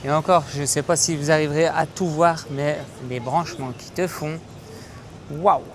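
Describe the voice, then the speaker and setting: A man talks straight to his viewers in a casual travel vlog, chatty and often stopping on fillers. His voice sits a little high. Clear street and traffic noise runs behind him, picked up by a handheld camera outdoors. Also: steady tone, moderate pace. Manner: chatty, addresses viewers as "les gars"; hesitant, many "euh" fillers. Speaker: travel vlogger. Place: outdoors in a city and in a vehicle. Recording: noisy outdoor vlog audio.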